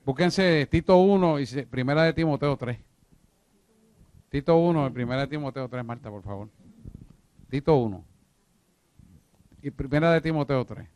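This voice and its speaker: Speaking at medium pitch and a moderate pace, this man has a darkish, clean tone and leaves long pauses. He's teaching a discipleship class at church, emphatic and repetitive, often asking listeners if they're following.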